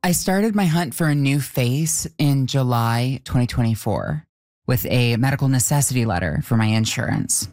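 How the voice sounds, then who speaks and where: A woman's voice: extremely low pitch, lively intonation, moderate pace, darkish tone, dry recording, studio quality, faint music behind. A woman narrating her personal story from a script.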